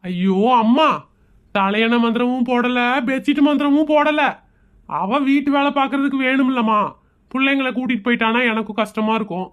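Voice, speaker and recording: A woman's voice: a little high, normal speed, highs cut off, close to an everyday voice. A woman doing a harried placating husband. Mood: pleading. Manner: pleading and soothing. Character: harried middle-aged husband and son, placating. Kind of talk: cartoon skit voice acting.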